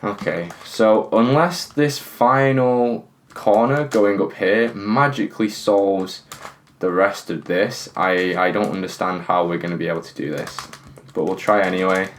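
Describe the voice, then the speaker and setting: A man's voice: fairly low pitch, steady tone, measured pace, slight background noise. A man hosting his own puzzle channel, thinking aloud and pleading with a stiff puzzle as he solves it. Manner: talks to the puzzle, pleading and exasperated; thinks aloud, counting pieces. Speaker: puzzle solving channel host. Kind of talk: casual talk while solving a puzzle.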